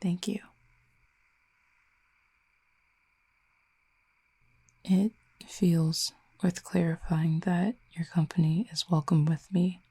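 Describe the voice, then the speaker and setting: In an intimate audio roleplay, a woman plays a cupid who is calm, reserved and quietly fond, speaking softly in measured, formal, gently teasing phrases. Her fairly low voice is soft, breathy and hushed, with a calm, frank mood.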